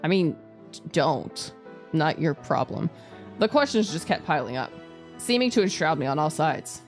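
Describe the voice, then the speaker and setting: A woman with a low voice and big pitch swings streams a let's play, reading visual novel text aloud at normal speed. She drops in casual, sweary asides, with background music playing.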